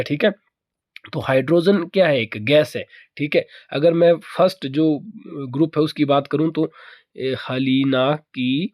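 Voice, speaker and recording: A man teaches an exam-prep chemistry lesson in a somewhat high voice. He keeps asking the viewer questions and answering them himself, repeating the key points. The sound is dry and close to the mic. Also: darkish tone, no room sound.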